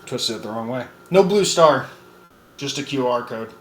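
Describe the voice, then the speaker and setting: A man's voice: mid-range voice, moderate pace. Man chatting casually in a roomy space. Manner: relaxed, chatty, thinking aloud with fillers. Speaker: streamer doing a taste test. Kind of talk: casual live-stream chat. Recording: roomy with faint background noise.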